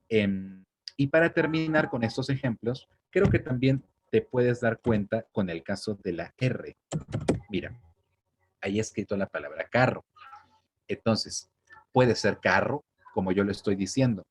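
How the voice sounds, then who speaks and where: Patient teacher, slightly low voice. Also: male voice, slightly rough. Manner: patient, conversational, checks in with "de acuerdo". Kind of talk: spelling lesson.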